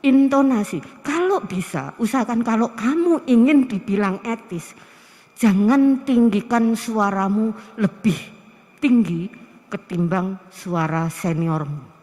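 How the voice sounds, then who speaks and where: A middle-aged woman with a Javanese accent, giving a university classroom lecture in a lively way and putting rhetorical questions to the audience. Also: mid-range voice, a little slow. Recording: long hall reverb.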